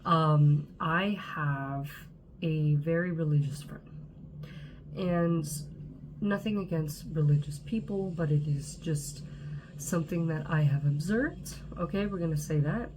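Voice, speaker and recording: Her voice deep and her pace slow, a Southern California woman in her twenties talks casually to camera while congested from a cold. As the channel host she is chatty, with frequent fillers and "okay?" check-ins, over background noise.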